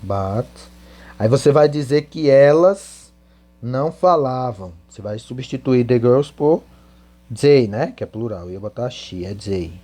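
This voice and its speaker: A man talks through English exercises in a slow, unhurried classroom style, dragging out each English word before he translates it. His voice is dark and mellow, with a faint mains hum underneath. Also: medium pitch, animated. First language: Portuguese. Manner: spells out English answers word by word, then translates. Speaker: English teacher.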